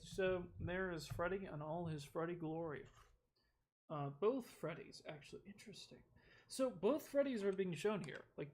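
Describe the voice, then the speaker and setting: A high-voiced man chatting on a live stream, bubbling with excitement and rambling between thoughts. He breaks off to address viewers, then reads passages aloud in the same eager tone. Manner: excitable, rambling, talks to chat. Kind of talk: casual live-stream chat and reading aloud.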